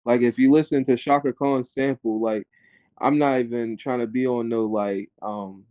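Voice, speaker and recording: A man, a rapper being interviewed, telling his story in animated casual talk, full of filler words. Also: medium pitch, normal speed, dry recording.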